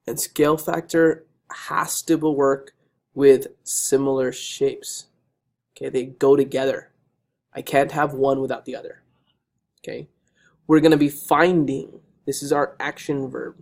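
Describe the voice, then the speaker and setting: A man's voice: medium pitch, little pitch movement, unhurried, vocal fry, a little mellow. A male teacher who is losing his voice, patiently talking students through digital math notes on a screen recording and checking in with frequent okays.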